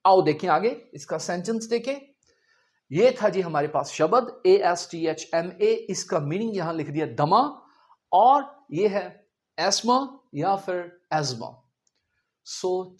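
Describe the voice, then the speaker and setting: A man from India teaching English pronunciation, who says each word slowly several times and quizzes the listener. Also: high-pitched. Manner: drills words slowly, repeating them and quizzing the listener. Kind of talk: spoken language lesson.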